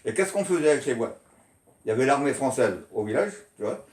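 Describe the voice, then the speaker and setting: A man's voice: mid-range voice, expressive, fast. An older man casually recounting childhood memories, rambling and laughing often as he goes. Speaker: storyteller recalling childhood. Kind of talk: casual reminiscing. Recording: echoey room.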